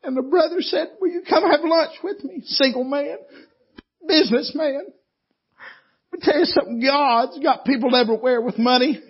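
At a church meeting, a male preacher with an extremely high voice speaks at normal speed, telling a folksy story in his sermon. His storytelling is animated and punctuated with laughs, and the church audio is dull and lo-fi.

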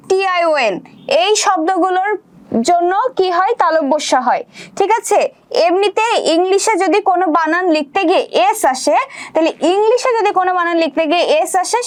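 A woman as a high-voiced teacher, patient, step-by-step, keeps checking in. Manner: explains step by step, keeps checking students follow. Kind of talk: online exam-prep lesson.

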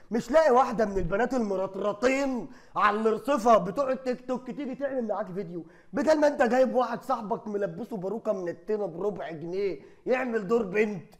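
A man with an Egyptian accent giving loud, sarcastic comedy commentary on clips, often laughing as he talks. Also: very high-pitched. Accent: Egyptian Arabic.

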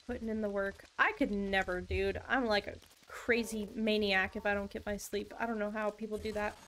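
A woman's voice: mid-range voice, slight background noise. A young woman streaming a game, chatting casually with viewers in a bubbly, chatty way and laughing often. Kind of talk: casual live-stream chat.

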